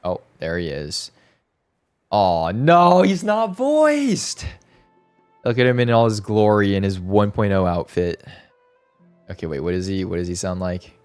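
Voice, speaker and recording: A man streaming a video game, joking and reacting loudly in casual commentary. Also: low-pitched, brisk, smooth, faint music behind.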